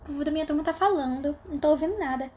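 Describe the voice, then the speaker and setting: A woman's voice: high voice, rapid-fire, dark tone. A young woman casually reading a novel aloud, breaking off for sarcastic, slangy asides. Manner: sarcastic, slangy asides between read passages. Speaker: reader.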